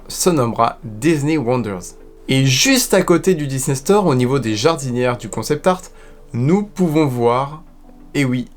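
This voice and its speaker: A man hosting a casual news roundup vlog, enthusiastic and informal, who piles up admiring adjectives and drops slangy asides. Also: mid-range voice. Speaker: theme park news vlogger.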